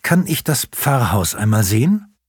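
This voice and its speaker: A man's voice: medium pitch, sing-song, unhurried, slightly rough, dry recording, studio quality. A man voicing a skeptical town physician who questions people in an agitated way.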